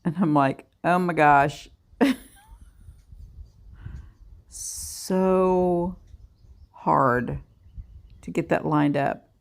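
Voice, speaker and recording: A woman's voice: sits low, drawn-out words, gravelly, pauses often. A woman giving a chatty, self-deprecating nail art tutorial in a casual voice-over.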